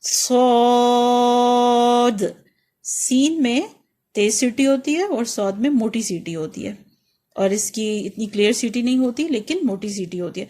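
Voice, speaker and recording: A woman with a Pakistani accent, a teacher leading a beginners' reading lesson, who calls out each letter loudly and drawn out, then explains it softly. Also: on the high side, animated. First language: Urdu.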